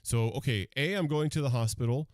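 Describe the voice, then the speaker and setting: A man's voice: medium pitch, brisk. A man tells a personal story on radio in a candid, rambling way, restarting his sentences as he goes. His voice sits in an ordinary middle range. The studio sound is dry and close, with no room echo. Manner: animated, rambling, frequent restarts and fillers.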